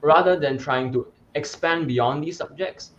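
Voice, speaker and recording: This young Malaysian debate coach from Sarawak speaks a little slowly in a fairly high, slightly bright voice. He answers interview questions articulately and explains his points, with occasional fillers and restarts, and the audio has its highs cut off and a faint hiss or hum.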